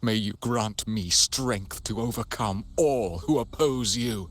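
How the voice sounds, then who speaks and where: A man's voice: on the low side, slow pace, a little hiss or hum. A man voicing a sinister, devout male cultist noble in a video game, solemn and menacing. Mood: fervent. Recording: game audio with music behind.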